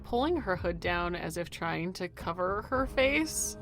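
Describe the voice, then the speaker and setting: A woman playing a tabletop game, asking quick questions and describing her character's actions. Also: fairly low pitch, lively intonation, a bit bright. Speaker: player. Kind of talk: casual tabletop play. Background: background music.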